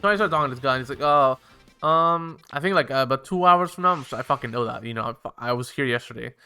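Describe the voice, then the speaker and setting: A man's voice: mid-range voice, fast, pushed and bright, smooth, soft background music. A young man casually telling a rambling, profane story while he plays a game. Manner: rambling, profane, filler-heavy.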